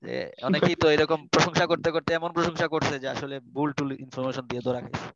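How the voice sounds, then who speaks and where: A man's voice: a little high, steady tone, fairly quick, muffled recording, background noise. A man with a Bangladeshi Bengali accent teaching an online class, explaining in a chatty way and dropping in English phrases. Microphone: video call.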